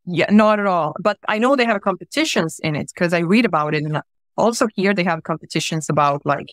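A woman in her thirties from Croatia, raised in Sweden, answers interview questions easily, with plenty of fillers. Her voice is a little low. The sound is dry, taken over a video call. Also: expressive, a little fast, fairly bright tone, dry recording. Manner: friendly, easygoing, many fillers. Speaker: guest. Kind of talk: casual interview. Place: room at home, indoors.

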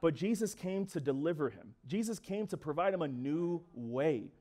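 Young male guest speaker, relaxed conversational sermon, high and very animated pitch. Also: normal speed. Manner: casual, conversational preaching with fillers and acted asides. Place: church.

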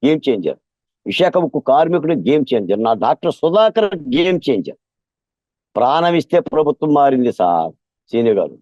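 A man speaking as a political guest in an impassioned interview, emphatic and repetitive, often growing loud and intense. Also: mid-range voice, no room sound, dull audio. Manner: emphatic, repeats lines, gets louder and more intense.

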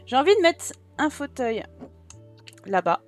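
A woman's voice: high-pitched, big pitch swings, measured pace, faint music behind. A woman with a southern French accent giving casual let's-play commentary, chatting to her viewers and thinking aloud as she decorates. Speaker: gaming YouTuber.

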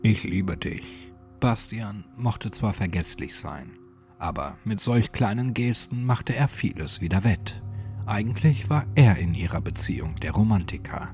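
A man narrating a scripted horror story with lively, expressive delivery. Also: fairly low pitch. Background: music.

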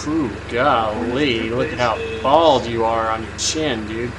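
A man's voice: mid-range voice, steady tone, a little slow, noisy background. A man hosting a comedic let's play, boasting and trash-talking the creatures he fights, with a profane, playful manner. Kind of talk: comedic gameplay commentary.

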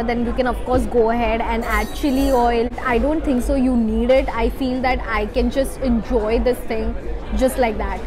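A young woman in her twenties with an Indian English accent, reviewing restaurant food in an enthusiastic vlog and mixing Hindi into her English, recorded on a lapel mic. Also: fairly high pitch. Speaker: food vlogger. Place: restaurant indoors, then outdoor garden.

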